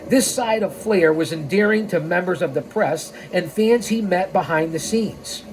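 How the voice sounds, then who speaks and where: An American man in his sixties hosts a podcast, his voice sitting high at a moderate pace. He reads aloud, then breaks off into emphatic, rambling commentary full of sidetracks and direct appeals to listeners. The audio is poor, with slight background noise.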